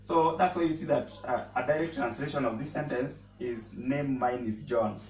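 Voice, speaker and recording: A man who speaks natively, teaching a casual language lesson and pausing often to repeat words as he explains. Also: medium pitch, a little mellow. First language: Swahili. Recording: roomy echo, mic at a distance, faint noise.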